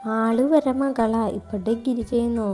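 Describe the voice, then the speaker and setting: A woman's voice: fairly high pitch, steady tone, moderate pace, dark tone, faint music behind, lightly acted. Madhu, a teasing younger brother, voiced by a woman. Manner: teasing, chatty. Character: playful teenage younger brother.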